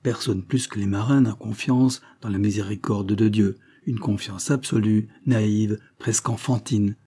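A man narrating a Victorian novel in a steady, measured way. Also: fairly low pitch, husky. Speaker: audiobook narrator. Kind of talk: scripted narration.

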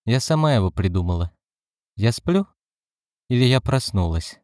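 A man's voice: fairly low pitch, lively intonation, moderate pace, warm tone, dry recording, clean studio sound, close to an everyday voice. A man putting on a weary, unsure mother. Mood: dazed. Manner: weary, uncertain. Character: anxious tired adult woman, mother of three. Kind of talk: audiobook reading.

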